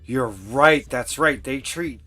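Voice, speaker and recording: Slow, easygoing male game streamer. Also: medium pitch, pushed and bright. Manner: easygoing, thinks aloud while picking menus. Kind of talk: casual gameplay livestream chat. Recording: faint music behind the voice.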